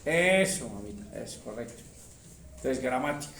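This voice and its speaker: A man's voice: medium pitch, expressive, normal speed, a bit bright. A man, a pastor teaching a Bible seminar to his congregation in a chatty, teasing way. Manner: chatty, teasing, addresses listeners as "mis amores". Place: church hall with audience. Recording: echoey hall, mic from far off, crowd.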